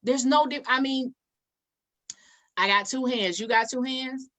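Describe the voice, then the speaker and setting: A woman's voice: high-pitched, measured pace, a bit bright. A woman hosting an interview, talking casually in an emphatic, preachy way and repeating her points. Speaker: interview host. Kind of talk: casual chat.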